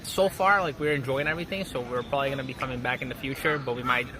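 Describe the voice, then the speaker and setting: A man's voice: mid-range voice, fairly even intonation, rapid-fire. Young man, easygoing, street noise behind. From Brazil. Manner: easygoing, hesitant restarts. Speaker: tourist interviewee. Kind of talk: casual street interview. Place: outdoors on a city street.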